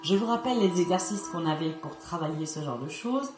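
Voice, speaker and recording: A woman's voice: lowish voice, expressive, a little fast. A woman vocal coach giving a patient, instructive singing lesson, speaking directly to her viewers. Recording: echoey room with music behind.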